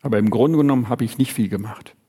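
A man's voice: mid-range voice, fast, dark tone, slightly rough. A man in his sixties giving a personal testimony in a sermon, telling it earnestly and acting out his talks with Jesus. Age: 60s. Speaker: preacher. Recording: long reverb of a large hall.

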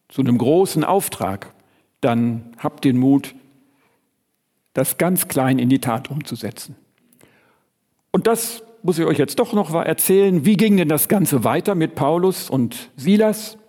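A man's voice: on the high side, animated, a little slow, long pauses, mellow. A man in his sixties giving a personal testimony in a sermon, telling it earnestly and acting out his talks with Jesus. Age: 60s. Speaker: preacher. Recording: long reverb of a large hall.

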